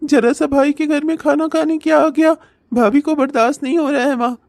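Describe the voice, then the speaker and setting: A woman's voice: high-pitched, brisk, darkish tone, no room sound, clean studio sound, natural voice. A woman voicing a sly, unemployed young brother-in-law who whines and fake-sobs in a cartoon comedy. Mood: fake crying. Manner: fake sobbing, whiny.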